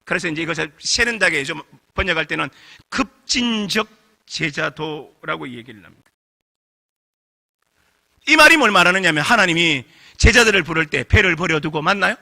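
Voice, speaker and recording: A man's voice: high-pitched, fast, creaky. A middle-aged male pastor preaching a revival sermon, questioning the congregation and getting them to answer back. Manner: animated preaching with call-and-response questions to the congregation. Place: church sanctuary. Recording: long hall reverb.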